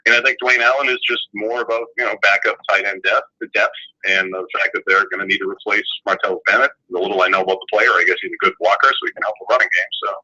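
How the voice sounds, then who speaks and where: A man's voice: fairly low pitch, fairly even intonation, fast talker, pushed and bright. A man calling in over the phone as a sports reporter guest, talking casually and rambling with fillers and restarts. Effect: heard over a phone line. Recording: tinny lo-fi phone line.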